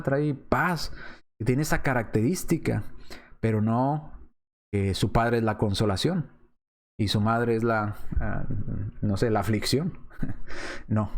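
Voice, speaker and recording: A man's voice: mid-range voice, darkish tone. Man teaching a Bible lesson. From Mexico. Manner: reasoning aloud with rhetorical questions, frequent "¿verdad?" and hesitations. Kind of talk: Bible study lesson with slides.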